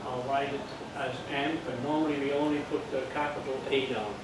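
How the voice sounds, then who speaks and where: A brisk, flat, mid-range male voice belongs to an older Dutch-accented man from the Netherlands teaching an amateur radio course. His classroom lecture moves step by step, plain and patient, with jokes and check-ins along the way. The noisy, echoey room is recorded from afar.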